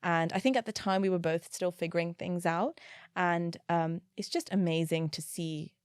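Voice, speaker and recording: A woman's voice: lowish voice, fairly even intonation, moderate pace, smooth, dry recording. Reflective woman podcast host, dry sound. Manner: reflective, meandering, thinks aloud. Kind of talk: conversational interview.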